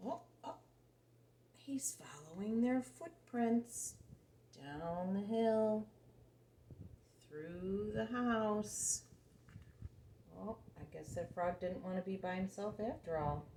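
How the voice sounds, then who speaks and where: A woman with a mellow, mid-range voice tells a picture-book story to young children at a slow pace, leaving long pauses. Her intonation is lively and her storytelling simple and expressive, and she asks the listener questions. There's a roomy echo and faint noise behind her.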